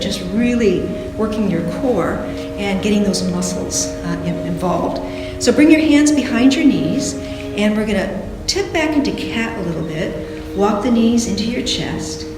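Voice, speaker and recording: Woman, yoga teacher, gentle encouraging instruction, mid-pitched voice, strong room echo, loud music behind. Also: expressive, moderate pace. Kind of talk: guided yoga class instruction.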